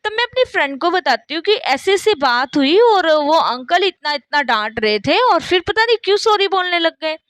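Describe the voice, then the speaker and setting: A woman's voice: very high-pitched, big pitch swings, normal speed, few pauses, a bit bright, no echo, clean studio sound. A middle-aged woman telling her own devotional testimony, repeatedly addressing listeners and acting out the dialogue of people in her story. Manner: acts out quoted dialogue in story. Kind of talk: first-person spoken testimony.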